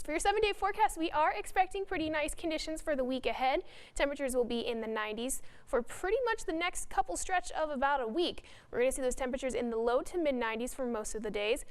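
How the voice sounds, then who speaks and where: A woman's voice: sits high, clear, resonant tone. A woman, presenting the weather and co-hosting a local morning news show in an upbeat way. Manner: upbeat, fast-talking. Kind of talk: morning news and casual co-host chat.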